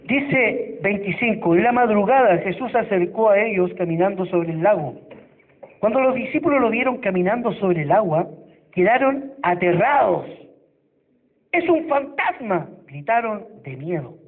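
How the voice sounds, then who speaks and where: A Chilean pastor preaches in a very high voice, dramatizing the voices in the scripture he retells. The sound is thin and phone-like, as if captured on a cheap church recording. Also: lively intonation, moderate pace. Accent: Chilean Spanish. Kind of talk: sermon.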